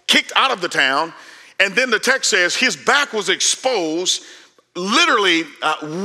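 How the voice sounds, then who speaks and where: A man in his forties preaching a sermon on a large church stage, animated and conversational, swinging from loud calls to hushed asides. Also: high-pitched. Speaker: pastor.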